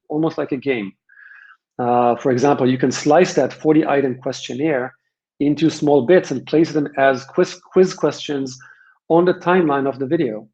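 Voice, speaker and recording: A man with an Israeli accent and a dark, medium-pitched voice presents a conversational webinar for a software vendor, explaining emphatically and repeating phrases to hit his points. The webinar recording is dull and band-limited.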